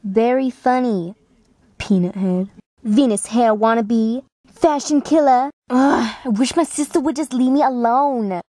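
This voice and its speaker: A woman's voice: a little high, unhurried, mellow, no room sound, studio quality, natural voice. A woman with braces voicing a sassy, whiny teenage monster girl, a bickering little sister, in an amateur cartoon audition. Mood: snarky. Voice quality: talking with braces.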